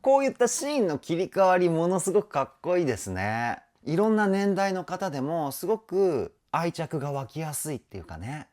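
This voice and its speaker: A man's voice: on the high side, sing-song, moderate pace, hardly any pauses, darkish tone. A man working as a vocal trainer, reacting to a song with enthusiasm and explaining singing technique in casual talk. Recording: music playing in the background.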